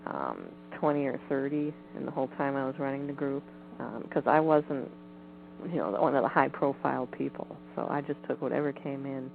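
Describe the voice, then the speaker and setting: Gravelly woman on a phone line. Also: a bass voice, expressive. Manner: measured, hedging, frequent ums. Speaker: guest, Bigfoot researcher. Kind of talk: casual phone interview. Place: home in the woods. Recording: tinny phone line with faint hiss.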